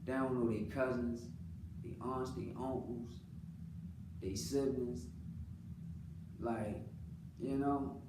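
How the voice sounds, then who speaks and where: An American man speaking off the cuff in an earnest, colloquial personal monologue, repeating phrases for emphasis. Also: mid-range voice. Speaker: father speaking about his own life. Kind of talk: unscripted personal monologue, casual talk. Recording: roomy, distant mic, clearly noisy background.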